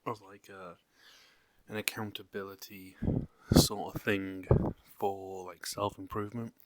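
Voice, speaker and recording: A man's voice: sits low, little pitch movement, measured pace, a little hiss or hum. A young man from England talking casually and out of breath, rambling with lots of fillers and the odd swear word. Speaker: vlogger. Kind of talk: unscripted casual vlog.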